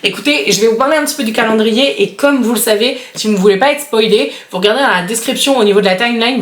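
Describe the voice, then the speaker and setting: Chatty woman vlogger in a roomy space. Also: fairly high pitch. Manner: chatty, enthusiastic, many fillers. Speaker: beauty vlogger. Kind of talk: casual unboxing chat. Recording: roomy echo.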